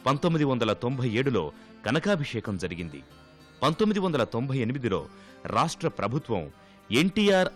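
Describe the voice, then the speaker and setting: Man narrating formally over music. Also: medium pitch. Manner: steady listing of dates and honors. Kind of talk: scripted documentary narration. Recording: narration with soft music underneath.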